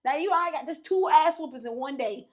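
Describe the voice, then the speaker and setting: A woman's voice: high voice, fast talker. A woman guest on a podcast, casually telling a long story with profanity and acted-out quotes. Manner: animated, profane, acts out quotes.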